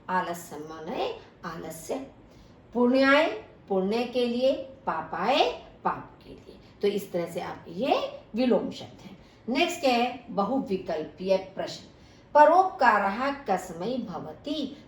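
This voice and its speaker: A woman teacher giving a lesson, patiently explaining each word and then repeating its meaning. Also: mid-range voice. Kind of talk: classroom lesson explaining exercises. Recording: echoey room.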